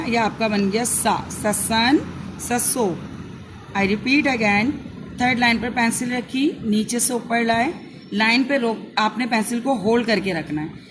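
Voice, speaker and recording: A woman from Pakistan with a Pakistani Urdu accent, teaching young children to write and sound out letters in slow, repeated steps. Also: fairly high pitch, noisy background. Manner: slow, repetitive step-by-step instruction. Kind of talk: handwriting and phonics lesson for young children.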